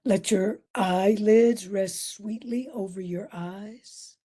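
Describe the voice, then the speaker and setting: Here a woman instructs a guided meditation at medium pitch, keeping her intonation fairly even. Her delivery is soft and calming, full of long pauses, with a breathy quality that occasionally nears a whisper.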